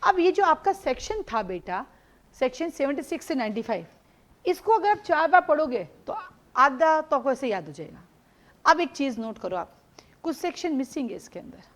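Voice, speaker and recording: A woman teaching a live law class, explaining through lively everyday stories, mixing Hindi with English legal terms and repeating key points for students to note. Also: sits high, moderate pace. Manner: animated storytelling with everyday examples.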